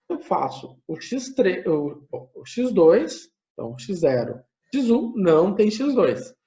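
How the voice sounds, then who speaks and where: A man giving a math lecture, thinking aloud step by step, often checking in with a quick tag question and correcting himself as he goes. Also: sits high, dark tone. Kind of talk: recorded classroom lecture. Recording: muffled lo-fi recording.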